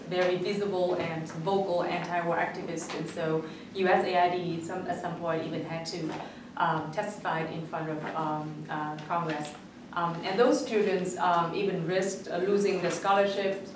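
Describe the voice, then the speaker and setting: A woman's voice: fairly low pitch, noisy background. A young woman from Vietnam giving a conference talk, hesitant, with many fillers. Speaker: conference speaker. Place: conference hall. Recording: echoey hall, speaker far from mic.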